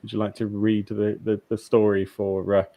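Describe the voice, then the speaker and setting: Low-voiced man hosting with jokes. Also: completely flat delivery, moderate pace, no room sound, dull audio. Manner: jokey, teasing, chuckles at his own quips. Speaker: podcast host. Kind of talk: casual podcast chat.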